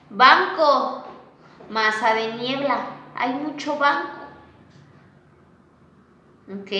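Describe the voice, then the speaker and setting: A woman lecturing slowly, with a high, bright voice, who keeps pausing to ask her class if they follow. The room around her is echoey, and her words ring out as she stretches out each example word with care. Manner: slow and deliberate, checks understanding with a frequent questioning "¿ok?". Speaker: teacher.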